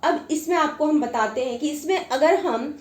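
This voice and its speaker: A woman teaching a grammar lesson with a high, clear voice. She explains patiently and repeats each point. The room around her rings with echo. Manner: explains slowly with many repetitions.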